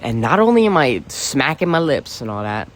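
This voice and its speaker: Casual male podcaster, mid-pitched, rambling and profane, faint room hum. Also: big pitch swings, normal speed. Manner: rambling, profane, heavy on "you know" fillers. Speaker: podcast host.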